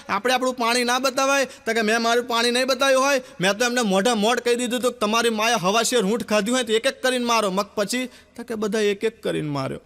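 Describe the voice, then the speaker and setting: A man doing stand-up, telling comic stories and acting out the dialogue of the people in them. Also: very high voice. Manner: animated joke-telling with quoted dialogue. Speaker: stand-up comedian. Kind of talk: Gujarati comic storytelling.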